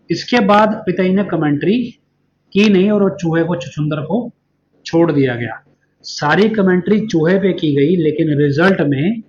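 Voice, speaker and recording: A man with a slightly higher-pitched voice tells a long story in an earnest, explaining way, pausing on rhetorical questions. The recording sounds dull and lo-fi, with a faint hum of noise under it. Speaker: channel host and former follower. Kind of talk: storytelling monologue.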